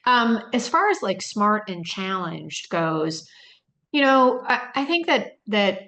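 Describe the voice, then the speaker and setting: A woman presents a training webinar loosely and conversationally, thinking aloud with frequent fillers and rhetorical questions. She tells stories and lifts her voice for quoted lines; her medium-pitched, slightly bright voice swings widely in pitch at a slow pace.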